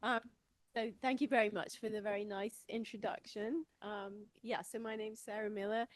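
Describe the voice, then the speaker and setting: A woman's voice: mid-range voice, steady tone, normal speed, no echo. A woman from England with an English accent, speaking in front of an audience as a biologist informally explaining science to lay listeners. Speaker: stem cell biologist, guest speaker.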